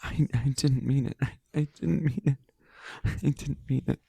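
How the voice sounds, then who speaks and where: A man voicing a shy, anxious young woman in a visual novel, speaking in a halting, apologetic way. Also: mid-range voice, fairly even intonation, vocal fry, dark tone, breathy edge, no echo. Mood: distraught. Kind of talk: reading a visual novel aloud with friends.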